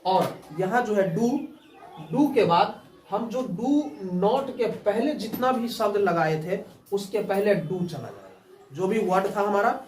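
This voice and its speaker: A man's voice: high-pitched, lively intonation, slow pace, slight background noise. A man teaching a spoken English class, drilling students with call-and-response prompts. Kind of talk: classroom lesson. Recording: roomy, from far off the mic.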